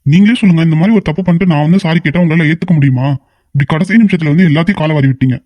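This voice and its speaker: A man voicing a stern, quick-tempered male shoot manager in an animated short, firing off exasperated questions. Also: a little high, no room sound, lo-fi sound, lightly acted. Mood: scolding. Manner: rapid, scolding, exasperated questions. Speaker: shoot manager scolding staff. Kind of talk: Tamil animated short voice acting.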